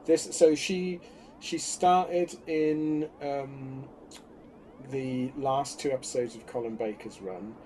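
A man's voice: medium pitch, fairly even intonation, takes it slowly, mellow, a little hiss or hum. A man co-hosting a podcast in casual chat, sardonic and exasperated. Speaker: podcast co-host.

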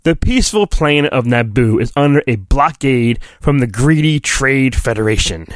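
Speaking at a moderate pace with lively intonation and a medium pitch, a middle-aged man hosts a solo podcast, recorded at studio quality with no echo. He chats loosely and reads aloud from a storybook with mock drama, poking fun at himself.

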